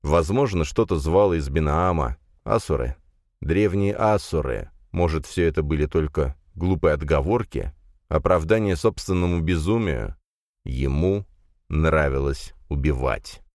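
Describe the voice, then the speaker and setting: A man with a very low voice narrates a fantasy audiobook. He reads in a measured, dramatic way. The recording is close and dry. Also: a little mellow, no echo.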